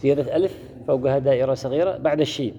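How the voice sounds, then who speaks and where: In a dull lo-fi recording from an echoing hall, a man with a warm, slightly rough mid-range voice talks very fast. He leads a classroom lesson on Quran orthography, repeating important words and questioning his students.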